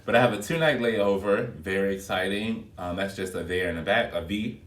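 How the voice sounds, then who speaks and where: Man, lowish voice, casual talky vlog delivery, recorded on a phone video at a distance in an echoey room. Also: brisk. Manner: chatty and expressive, addresses viewers as y'all. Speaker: flight attendant vlogger. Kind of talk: casual vlog chat to viewers.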